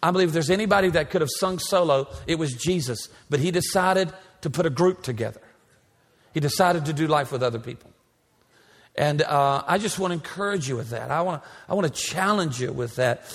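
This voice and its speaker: A man's voice: a little high, lively intonation, a little fast. A pastor in his forties preaching a sermon in a church, with an emphatic, repetitive cadence. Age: 40s. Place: large church sanctuary. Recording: church hall reverb.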